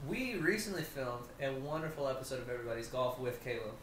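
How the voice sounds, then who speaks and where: A man's voice: mid-range voice, expressive, fast talker, a bit bright, slight background noise. A man hosting a podcast, joking and teasing in casual chat. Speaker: podcast host. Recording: echoey, distant mic.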